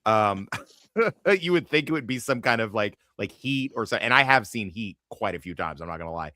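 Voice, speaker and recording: A man with a fairly low voice hosts a loose panel chat, swearing and rambling between laughs. His tone is bright and forceful, and the sound is dry and close. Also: expressive, normal speed, dry recording. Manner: profane, rambling, laughs often. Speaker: podcast host.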